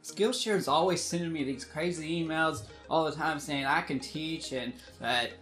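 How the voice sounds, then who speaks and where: A man's voice: a little high, normal speed, faint music behind. A man teaching a beginner's digital painting lesson in a casual, rambling way, joking at his own expense and often stumbling over his words. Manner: self-deprecating, distracted, stammers and restarts; yells at noises in outbursts. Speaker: online art teacher.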